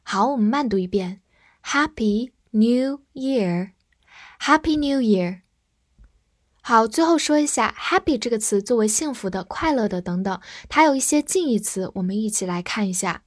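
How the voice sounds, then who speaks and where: A woman teaching English vocabulary, who spells each word letter by letter and reads the example sentences slowly. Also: a little high, animated, dry recording, clean studio sound. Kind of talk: vocabulary lesson.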